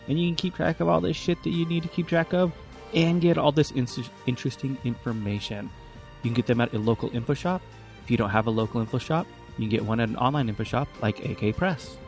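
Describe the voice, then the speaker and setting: A man's voice: fairly high pitch, brisk, gravelly, faint music behind. A man co-hosting a podcast, talking loosely with jokes and swearing. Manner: loose, profane, jokey. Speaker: podcast co-host. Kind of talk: casual podcast chat.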